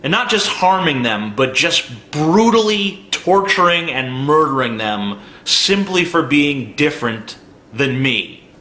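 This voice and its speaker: A man's voice: a little high, sing-song, measured pace, bright, forceful tone, echoey room. A man in his twenties delivering an angry, profane commentary rant full of sarcastic rhetorical questions. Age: 20s. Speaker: video blogger.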